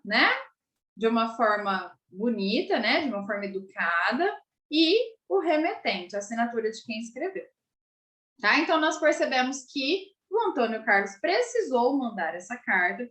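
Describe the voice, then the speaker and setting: Slow, patient Brazilian woman teacher. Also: a little high, fairly bright tone. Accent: Brazilian Portuguese. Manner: patient, tag-question checks, sounds out syllables. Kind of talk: slow, explanatory video lesson for children. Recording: echoey room.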